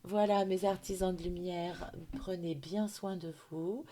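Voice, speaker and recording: A woman gives a gentle, hesitant intuitive oracle card reading for her viewers, with many fillers and affectionate words. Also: fairly low pitch, fairly even intonation, unhurried, slight background noise. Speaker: intuitive card reader and hypnotherapist.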